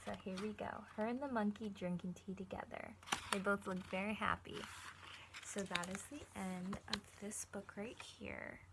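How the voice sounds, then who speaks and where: With heavy background noise behind her, a woman reads a picture book aloud like a teacher, her medium-pitched voice steady and moderately paced. It's an animated read-aloud in which she pauses to ask her young listeners questions directly.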